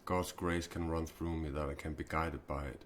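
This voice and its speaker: A Danish man in his forties hosting a spiritual live stream, talking haltingly with many fillers and restarts. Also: extremely low pitch, flat delivery, slight background noise. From Denmark.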